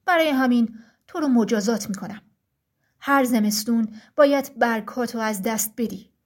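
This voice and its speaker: A woman's voice: on the high side, lightly acted. A woman voicing Frost, the powerful ruler of the forest in a storybook tale, speaking in a solemn, firm and scolding way. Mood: stern.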